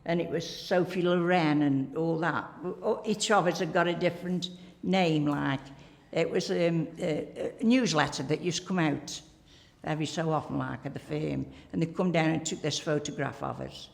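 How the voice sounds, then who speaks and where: A woman's voice: low voice, normal speed, vocal fry. An older woman, telling rambling, chatty stories about her working days in an interview, full of "like" and "you know". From Staffordshire, England. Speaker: interviewee, former pottery worker. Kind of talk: reminiscing interview storytelling. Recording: reverberant room.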